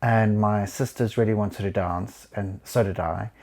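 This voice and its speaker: A man in his forties from South Africa, a choreographer recounting his life story in a reflective, halting way with frequent pauses and restarts. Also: lowish voice, steady tone, darkish tone.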